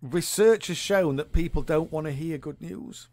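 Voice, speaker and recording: A man co-hosting a casual comedic chat show, telling stories in an animated way, often repeating words and giggling. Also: fairly high pitch, normal speed. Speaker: podcast co-host. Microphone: studio microphone.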